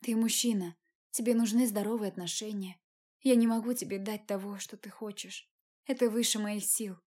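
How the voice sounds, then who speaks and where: A woman's voice: medium pitch, steady tone, moderate pace, warm tone, close to an everyday voice. A woman voicing a despairing, injured young woman in a read-aloud story, anguished and emotional. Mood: pleading.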